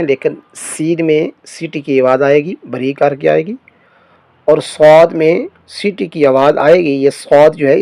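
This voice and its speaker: A man's voice: a little high, dark tone, dry recording. Man teaching letter sounds, close dry voice. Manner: sounds out letters slowly, stressing each syllable. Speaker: Quran reading teacher. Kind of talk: slow recitation lesson.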